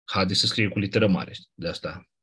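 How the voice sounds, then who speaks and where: A man with a low, husky voice is teaching a class. He explains things step by step in a conversational way and throws in quick asides to his students. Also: pushed and bright. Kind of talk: classroom lecture.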